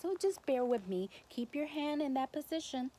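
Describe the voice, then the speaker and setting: A woman with a Spanish accent gives guided spiritual instruction to the camera as a Reiki teacher, speaking non-native English in short, halting phrases. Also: high voice, expressive, mellow. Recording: noticeable background noise.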